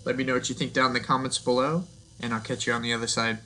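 A man's voice: medium pitch, little pitch movement, rapid-fire, sharp tone, slight background noise. A man casually introducing a video as its host, addressing viewers directly.

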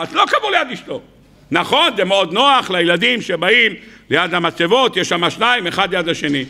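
Man, rabbi, weekly sermon, high voice, bright tone, rhetorical questions, playful acted-out dialogue. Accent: Israeli Hebrew. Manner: animated, acts out quoted dialogue.

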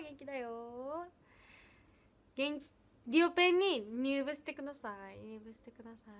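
A woman's voice: sits high, sharp tone. A young woman, chatting casually on a livestream, giggly and chatty as she reads comments and thanks viewers. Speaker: idol livestreamer.

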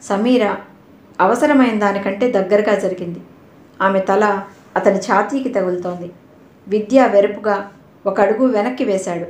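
A woman narrating an audio novel in a measured storytelling manner. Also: medium pitch, a little mellow. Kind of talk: scripted narration. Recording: roomy echo.

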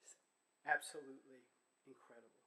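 A man's voice: mid-range voice, steady tone, a little fast, sharp tone, rough recording. A man from the church staff giving a heartfelt, story-filled eulogy at a memorial service in a church sanctuary.

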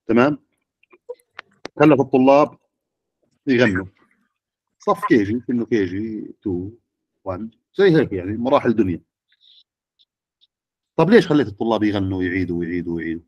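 A man's voice: on the low side, animated, normal speed, pauses often, darkish tone, husky, dry recording, lo-fi sound. A middle-aged man, lecturing teachers and often checking with the audience. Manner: questioning the audience.

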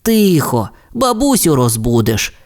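A man's voice: high-pitched, wildly swooping pitch, measured pace, pitched above the performer's own voice, full character voice. A man voicing a sensible young boy T. rex dinosaur in a children's audio tale, speaking firmly. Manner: firm, scolding.

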